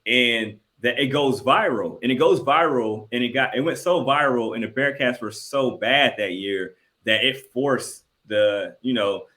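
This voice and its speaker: A man's voice: mid-range voice, unhurried, few pauses, sharp tone. A man, a sports site publisher, telling loose rambling stories in a casual football interview.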